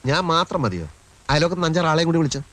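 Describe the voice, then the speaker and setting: An actor playing a lawyer with a dry, sarcastic manner, in 1980s film style. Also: male voice, on the high side, expressive, racing, a bit bright. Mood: wry.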